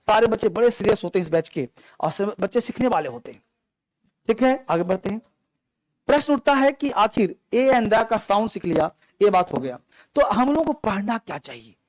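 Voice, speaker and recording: A man's voice: sits high, no echo, rough recording. A man teaching an English grammar class, speaking English, repeating points and asking the students questions. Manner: repetitive, coaxing, asks students questions. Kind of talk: classroom lecture.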